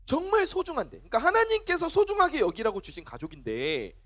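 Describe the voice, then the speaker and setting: A male pastor preaches to a children's group with a strikingly high voice. His pitch rises and falls a lot as he tells animated stories and acts out small scenes. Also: fast. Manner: animated storytelling, acting out scenes. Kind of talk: sermon to children.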